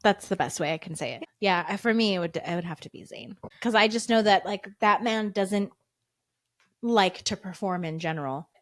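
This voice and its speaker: Female co-host, mid-pitched, dry studio sound, wry and conversational. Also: normal speed, no echo. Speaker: podcast co-host. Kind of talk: casual chat.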